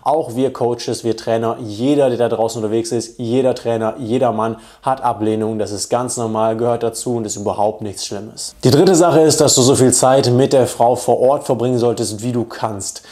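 Man coaching in a dark, mellow voice. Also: mid-range voice, fairly even intonation, moderate pace, hardly any pauses. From Germany. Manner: direct, confident advice-giving. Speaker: dating coach. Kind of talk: instructional video talk to camera.

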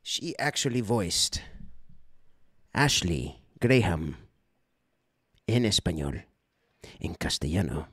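A voice actor hosting a casual livestream, unboxing fan mail and exclaiming excitedly in a rambling way. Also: male voice, low-pitched, slow, long pauses, breathy edge, dry recording, studio quality.

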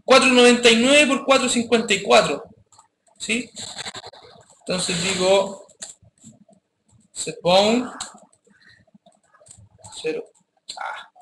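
A man's voice: extremely high pitch, takes it slowly, long pauses. A man teaching a live programming class, talking casually and checking in with his students often. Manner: casual, addresses students directly with frequent checks. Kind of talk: live classroom coding lesson. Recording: echoey classroom with faint noise.

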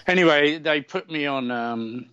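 A middle-aged Englishman with a fairly high, bright, forceful yet clean voice speaks a little slowly while guesting on a podcast. He tells a long personal story in a chatty, casual way, full of fillers and wry self-mockery. The recording is dry and dull-sounding.

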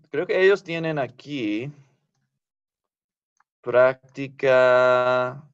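Male teacher, unhurried, patient class explanations, muffled dry recording. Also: mid-range voice, no echo. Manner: patient, explains slowly, asks the class for confirmation. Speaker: Biblical Hebrew teacher.

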